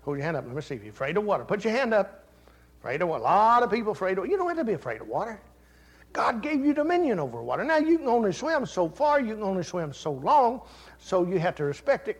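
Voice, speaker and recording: Husky older preacher. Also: male voice, sits high. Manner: folksy storytelling, rises to loud preaching. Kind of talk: sermon with personal story.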